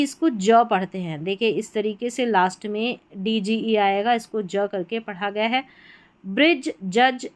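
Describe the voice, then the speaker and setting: Woman teaching English spelling patterns. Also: a little high. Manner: slow, drawn-out example words between explanations. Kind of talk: spelling lesson walking through a chart.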